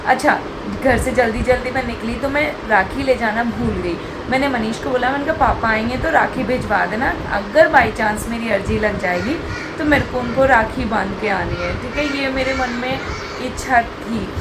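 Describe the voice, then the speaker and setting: A woman's voice: on the high side, background noise. A young woman talking casually through a home vlog, chatty and rambling as she explains her day. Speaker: vlogger.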